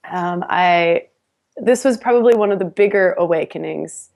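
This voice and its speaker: This woman's voice is fairly low and gravelly, moving at a moderate pace. As a podcast guest she tells a personal story casually and with energy, often laughing and beginning her sentences again.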